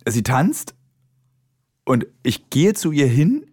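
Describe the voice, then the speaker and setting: A man at an everyday middle pitch recounts a personal tale as a guest. He is candid and pokes fun at himself. His telling is loose, full of fillers and false starts. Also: very animated, takes it slowly, a little mellow, husky. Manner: self-deprecating, lots of fillers and restarts. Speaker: podcast guest.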